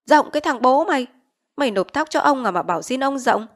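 Brief: a woman reading as a cruel male village chief in an audiobook, barking loud threats. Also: sits high, lively intonation, a little fast, pitched above the performer's own voice. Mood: scornful. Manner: barking, yelling orders.

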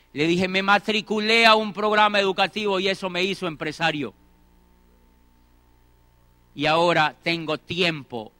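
A middle-aged man delivers a motivational talk in a very high, piercingly bright voice. He acts out both sides of conversations and repeats phrases for emphasis. The sound is dry and close. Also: no room sound. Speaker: motivational speaker. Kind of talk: motivational talk with acted anecdotes.

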